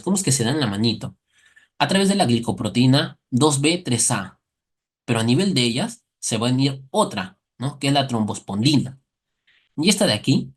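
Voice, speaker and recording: In a recorded class, a male medical lecturer with a medium-pitched, slightly rough voice explains things step by step to his students. He keeps posing quick questions and answering them himself, brightening the material with friendly, playful comparisons.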